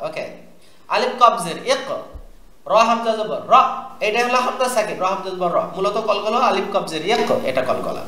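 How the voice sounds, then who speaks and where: A man teaching Quran recitation, spelling out letters and drilling each word slowly and patiently, asking listeners to repeat after him. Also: sits high, expressive, sharp tone. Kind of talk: tajweed lesson, spelling out and drilling words. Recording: echoey room.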